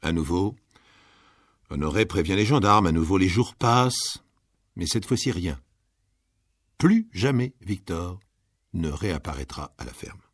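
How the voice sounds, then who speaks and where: A male narrator giving a dramatic audiobook reading with storyteller pacing that swells and hushes. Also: low voice, lively intonation, unhurried, pauses often, husky, dry recording, studio quality.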